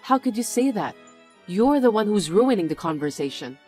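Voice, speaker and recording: A composed single mother keeps her temper and speaks in a measured, reasonable way, as a woman voices her. Her pitch moves freely across each line in this dubbed drama. Faint music sits under her voice. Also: very animated, a little mellow, breathy edge. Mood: reproachful.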